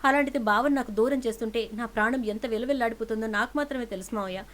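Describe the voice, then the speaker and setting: A woman's voice: fairly high pitch, very fast, close to an everyday voice. A woman voicing a young woman desperate to marry her cousin, pleading and defiant in turn. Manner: pleading, then defiant and shouting.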